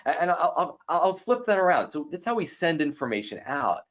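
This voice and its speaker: A man giving a talk on personality styles to a guest, acting out the people in his stories. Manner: animated, acts out quoted people with quick jumps in pitch. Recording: dull lo-fi sound.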